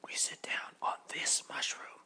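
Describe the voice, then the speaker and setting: A man voicing a group of gentle, habit-bound butterflies in a breathy whisper. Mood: hushed. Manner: breathy unvoiced whisper, soft and slow.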